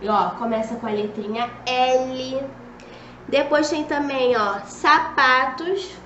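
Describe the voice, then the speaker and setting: A woman's voice: high voice, a little slow, slight background noise. A young woman teaching preschoolers in a recorded video lesson, patient and coaxing, often checking in with the children. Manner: patient, coaxing, talks to kids as "a tia", many "ó" and "tá bom?". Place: classroom with a whiteboard. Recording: dull echoey room recording.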